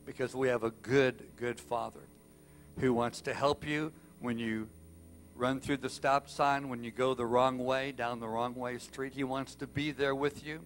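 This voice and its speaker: A male pastor preaching a sermon, telling a story with passion and swinging from loud to hushed. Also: medium pitch, steady tone, measured pace, soft background music.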